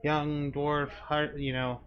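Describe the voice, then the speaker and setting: A man's voice: on the high side, level tone, takes it slowly, crowd noise. A man narrating a tabletop game as game master, describing scenes to his players. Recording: dull sound with faint noise.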